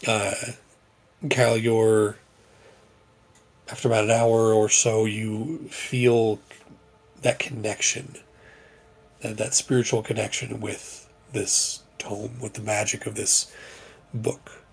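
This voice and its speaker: Slow, gravelly-voiced man narrating a game. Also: on the low side, level tone. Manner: slow, measured descriptive narration. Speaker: game master.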